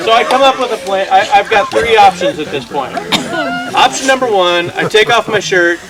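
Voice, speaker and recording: This man's voice sits high and moves at a moderate pace as he performs a funny story for a crowd, playing up each line of dialogue with exaggeration. The clip is very noisy, and loud laughter from the audience fills the background.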